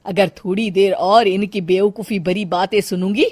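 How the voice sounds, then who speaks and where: A woman's voice: medium pitch, steady tone, moderate pace, darkish tone, no echo, clean studio sound, natural voice. A woman voicing a fussy middle-aged city mother-in-law who complains in a theatrical way. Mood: annoyed.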